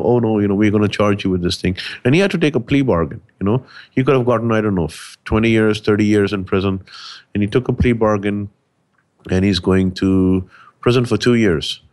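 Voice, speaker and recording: A man speaking as a guest on a talk show, explaining a story at length with frequent hesitations. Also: fairly low pitch. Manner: explanatory, hesitant with many uh fillers. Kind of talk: casual chat.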